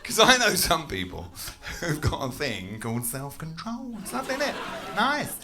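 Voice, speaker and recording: A man's voice: a little high, wildly swooping pitch, moderate pace, sharp tone, some chatter behind. A man with an English accent doing a stand-up comedy set, chatty and self-mocking, with frequent swearing. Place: comedy club stage with a laughing audience. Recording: club audience laughter audible.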